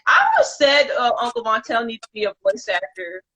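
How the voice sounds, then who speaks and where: A woman hosts a live show, reading viewer comments in a relaxed, easygoing way. Her voice is a little high, and she laughs often. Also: fairly quick, breathy edge, poor audio. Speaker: podcast host.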